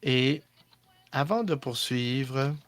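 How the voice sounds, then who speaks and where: A man's voice: medium pitch, drawn-out words, slight background noise. A man hosting a live online class, upbeat and welcoming, with hesitant restarts. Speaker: host.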